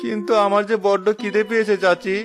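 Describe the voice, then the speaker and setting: In Bengali cartoon voice acting, a man voices a meek, overworked orphan boy from a village, speaking plaintively and obediently. His voice is high, level in tone and fast, with music in the background.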